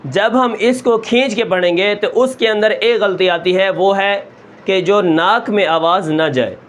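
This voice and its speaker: A man teaching Quran recitation step by step, asking questions and answering them himself, and stretching sounds slowly to show them. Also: sits high. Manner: asks the class a question, then answers it himself; draws out sounds long and slow to show them.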